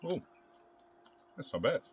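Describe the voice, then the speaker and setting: A man hosting a casual camping vlog at an outdoor campsite, relaxed and jokey, laughing often. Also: slow pace. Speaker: caravan vlog host.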